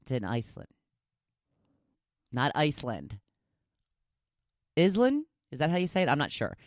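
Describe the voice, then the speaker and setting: An excitable woman hosts her podcast in a casual solo chat. She gushes, and she throws herself into voicing the people she quotes. The recording is close and dry, with no room sound. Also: extremely low pitch, very fast, dry recording. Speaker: podcast host.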